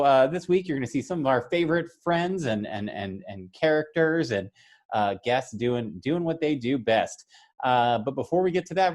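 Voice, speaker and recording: A man's voice: mid-range voice, a little mellow. A man hosting a comedic panel show over a remote video call, joking and rambling through introductions with fillers and restarts. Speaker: host.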